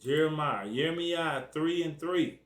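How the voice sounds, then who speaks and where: A man's voice: a little high, measured pace. Slangy preaching man in an echoey room. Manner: preaches in loose everyday slang, reads scripture aloud. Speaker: Bible teacher. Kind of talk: informal Bible study sermon. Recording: echoey room, distant from mic.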